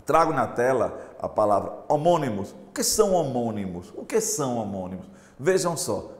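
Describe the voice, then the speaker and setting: A male teacher with a Brazilian Portuguese accent gives a recorded lesson, slow and emphatic, repeating key points and speaking straight to his students. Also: mid-range voice. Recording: echoey room with long reverb.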